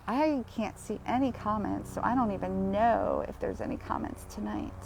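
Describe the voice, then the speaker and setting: A woman's voice: mid-range voice, normal speed, gravelly, a little mellow, a little hiss or hum. A woman hosting a live-streamed grief healing session outdoors while walking, talking in a heartfelt, chatty way and often breaking into laughter. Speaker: grief support host.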